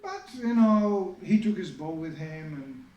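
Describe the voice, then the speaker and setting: A man with a high yet mellow voice tells a sermon story, speaking conversationally and checking in with his listeners. He sounds distant from the mic in an echoey hall. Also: animated, measured pace, dull audio, a little hiss or hum. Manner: conversational, many asides to the audience. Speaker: spiritual teacher giving a scripture class.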